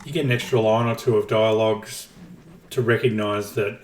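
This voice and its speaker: A man's voice: lowish voice, fairly even intonation, moderate pace, a little hiss or hum. A man co-hosting a casual gaming podcast, explaining his ideas at length with dry jokes. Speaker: podcast co-host. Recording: roomy, distant from the mic.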